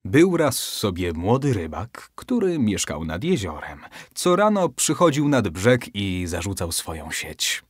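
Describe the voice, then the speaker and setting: A man reading a bedtime story aloud as scripted narration, expressive and dramatic. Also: a little slow, hardly any pauses, breathy edge, no room sound, studio quality. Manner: expressive, with lively shifts in pitch.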